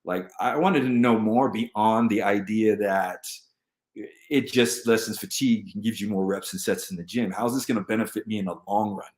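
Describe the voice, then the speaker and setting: Male live-stream host, low-leaning voice, loose and rambling, lots of restarts, echoey room. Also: normal speed. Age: adult. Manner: rambling, jumps between topics with many restarts. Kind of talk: casual live-stream chat, reading viewer comments. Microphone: computer mic at a desk. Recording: roomy echo.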